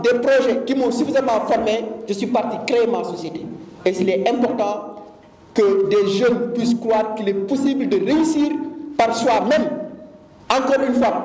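Senegalese businessman, 40s, press-conference statement, earnest and emphatic, high dark voice, distant in a reverberant hall. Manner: earnest, emphatic, with frequent hesitations. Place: conference room. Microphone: handheld mic among a cluster of press mics.

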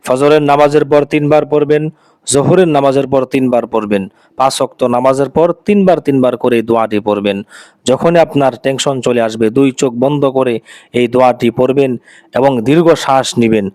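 A man's voice: mid-range voice, normal speed, a little mellow, dry recording. A man presenting an Islamic devotional video, speaking to viewers in an earnest, reassuring, preacher-like way.

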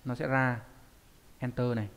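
A man's voice: medium pitch, level tone, long reverb tail. Man teaching Japanese with rhetorical questions. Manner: rhetorical questions answered himself, slow careful Japanese readings. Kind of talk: reading lesson explained in Vietnamese.

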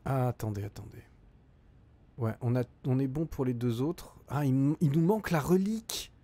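A man's voice: medium pitch, normal speed, warm tone. A middle-aged man streaming a game live, reading out chat and thinking aloud with frequent hesitations.

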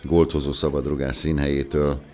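Man, very low pitch, live football commentary, wordy, unhurried. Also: level tone, darkish tone.

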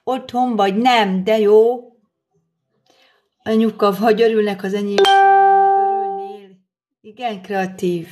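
A woman's voice: medium pitch, fairly even intonation, pauses often, a little mellow, soft background music. A middle-aged woman chatting on a live stream while cooking in her daughter's kitchen, answering and thanking viewers as she works. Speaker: livestream host. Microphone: phone camera.

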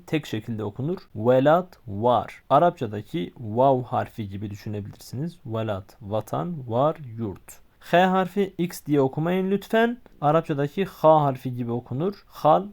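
A man walks through the alphabet in a language lesson. His pitch sits in an ordinary middle range, and he says each example word slowly and carefully so it can be copied. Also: darkish tone. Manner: slow, deliberate pronunciation of example words. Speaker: language teacher.

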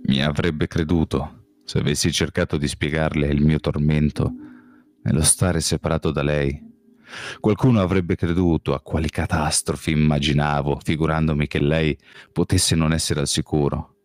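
A man reading a novel aloud as an audiobook, in first-person narration with a measured, calm delivery. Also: a bass voice. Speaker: audiobook reader.

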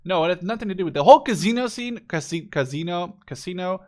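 His voice is high-pitched, expressive, fast and a little mellow. He's a Canadian gaming video creator in his twenties, rambling casually and unscripted over gameplay, swearing freely as he shares opinions.

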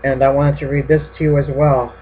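A man's voice: medium pitch, level tone, fairly quick. A man preaching a sermon in an explanatory way, often checking in with his listeners. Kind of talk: sermon teaching on prophecy. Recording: tinny phone-like line with mains hum.

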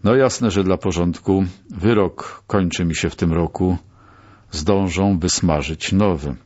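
A weary prisoner answers in a low, calm voice, as a male narrator plays him. He sounds resigned and dry. The recording is dull and muffled. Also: a little slow.

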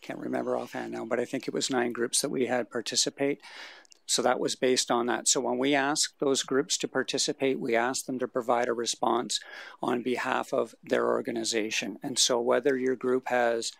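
A man with a gravelly voice explains survey results to a council at a steady, careful pace. He speaks into a desk microphone in a council chamber, and the sound is dry and close. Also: mid-range voice, no echo. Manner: measured, explanatory, with fillers. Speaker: consultant presenting survey results. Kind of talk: formal answers to council questions.

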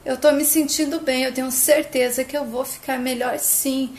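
A woman's voice: high voice, fairly even intonation, normal speed, a little hiss or hum, voice pushed up, natural voice. Woman putting on a tearful young woman pleading bravely. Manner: pleading, sobbing reassurance. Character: adult female patient, tearful and brave.

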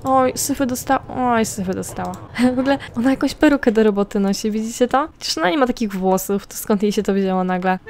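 A woman talks through her game in a relaxed, chatty way. She often turns to the viewers and bosses her characters around. Her voice sits in a middle pitch, with a faint hiss of background noise under it. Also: quick pace. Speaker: gameplay commentator. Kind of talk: casual let's-play commentary.

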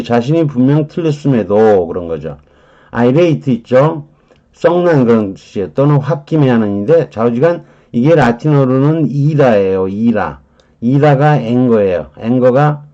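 A man gives an unhurried vocabulary lesson in a mellow, dark voice. He stretches his fillers and says English phrases slowly, one word at a time. The recording sounds a little dull and lo-fi. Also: mid-range voice. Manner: slow explaining with many drawn-out fillers. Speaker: English teacher.

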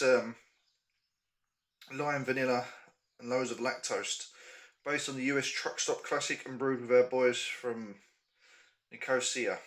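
A man's voice: mid-range voice, fairly bright tone. A young man chatting casually to camera in a small room as he reviews a beer, hesitant with frequent ums.

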